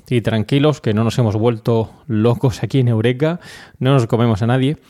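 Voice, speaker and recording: A man with a Spanish accent hosts a casual solo podcast, explaining things and talking straight to his listeners. His voice is medium-pitched and warm.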